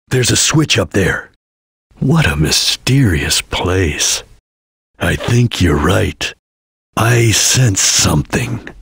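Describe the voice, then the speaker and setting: A serious ninja chameleon from a video game. The voice is heavily husky and breathy, recorded close and dry. The delivery is solemn, terse and watchful, with a disciplined formality. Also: male voice, on the low side, a bit bright, no room sound, exaggerated voice. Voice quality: husky, gravelly. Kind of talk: English video game voice acting.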